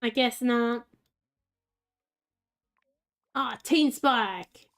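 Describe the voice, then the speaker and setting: A woman talks her way through a game in a loose, chatty way. Her voice sits fairly high, and she often speaks fondly to the pets on screen. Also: extremely slow, a bit bright. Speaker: gaming channel host. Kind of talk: casual gameplay commentary.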